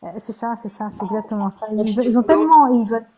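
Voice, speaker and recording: Higher-voiced woman chatting casually. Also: fast, a crowd in the background. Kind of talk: casual chat.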